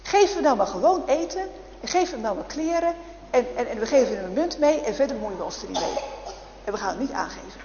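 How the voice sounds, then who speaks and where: A woman's voice: a little high, animated, fast talker, roomy sound, in a large hall, lo-fi sound, background noise. A woman voicing a kindly male innkeeper who talks his wife out of something. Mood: persuading. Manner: reasonable, persuading.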